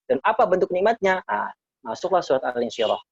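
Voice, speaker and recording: A man's voice: high voice, fairly quick, vocal fry, husky, no echo. A man teaching a casual Quran study session, explaining Arabic verses phrase by phrase and repeating key words to listeners he treats as friends. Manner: addresses listeners as friends, relaxed and conversational. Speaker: Islamic teacher. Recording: slightly dull lo-fi recording.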